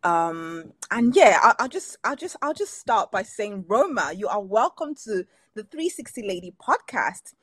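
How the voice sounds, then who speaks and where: A woman hosting a podcast interview, talking in an animated way, repeating words and exclaiming often. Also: mid-range voice, unhurried, hardly any pauses, slightly rough, dry recording. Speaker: podcast host.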